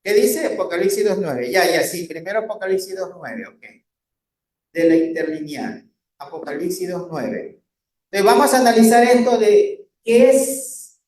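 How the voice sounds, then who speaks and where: A man's voice: high voice, a little mellow, roomy sound. A man teaching a Bible study lesson from slides. He explains step by step and keeps checking with his listeners.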